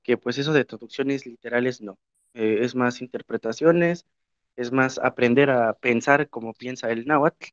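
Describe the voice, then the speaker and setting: In a muffled, dry, lo-fi recording, a young man from Mexico who works as a historian and teaches Nahuatl talks reflectively on a panel at normal speed. His voice sits at a medium pitch, his speech is peppered with fillers, and his Mexican Spanish accent reflects his native Spanish.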